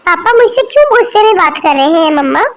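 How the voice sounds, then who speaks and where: A woman's voice: extremely high pitch, animated, quick pace. A woman voicing a helpless newborn baby crow girl in a cartoon, pleading and tearful. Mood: confused.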